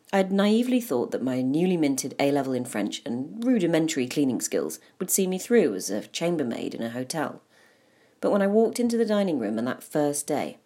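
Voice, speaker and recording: A woman's voice: low voice, warm tone. A woman narrating a personal memoir in a wry, self-deprecating way. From England.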